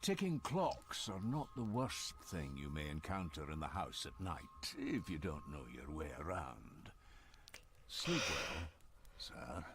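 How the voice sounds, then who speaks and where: A man's voice: extremely low pitch, sing-song, a bit bright, a little hiss or hum, full character voice. A man playing a creepy older butler in a mystery game, stiffly formal and faintly menacing. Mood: ominous, stern. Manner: creepy, slow, deferential formality.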